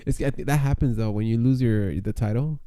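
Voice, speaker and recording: A man's voice: mid-range voice, fairly quick, dark tone, smooth, dry recording, clean studio sound. A young man co-hosting a casual wrestling podcast, laid-back and saying bro and dude. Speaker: podcast co-host. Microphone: desk microphone.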